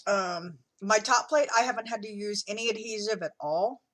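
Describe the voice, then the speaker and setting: A woman's voice: mid-range voice, moderate pace, fairly bright tone. A middle-aged woman chatting casually in a video diary, with many fillers and restarts, sometimes talking while she eats. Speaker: vlogger.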